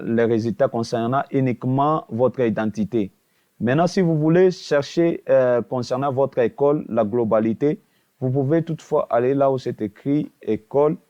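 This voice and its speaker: A man talks through a website tutorial in a mellow, dark-toned voice. He hesitates often, fills pauses with filler sounds and restarts his sentences. He keeps coming back to the same stock phrase as he explains each step. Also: mid-range voice, muffled recording. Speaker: tutorial video host. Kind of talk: casual screen-walkthrough tutorial.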